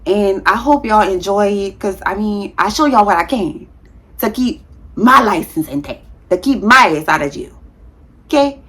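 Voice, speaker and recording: A woman in her thirties, a nurse, chatting casually to her viewers in a vlog, talking fast with a heavy tongue and sometimes tripping over words. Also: mid-range voice, expressive, fairly bright tone, husky. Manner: frank, slangy, addresses viewers as y'all. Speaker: nurse and content creator.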